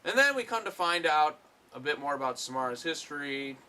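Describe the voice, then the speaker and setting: A man's voice: a little high, big pitch swings, brisk, bright, forceful tone, smooth. A man giving a casual, rambling film review, full of fillers and blunt swearing. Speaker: movie reviewer.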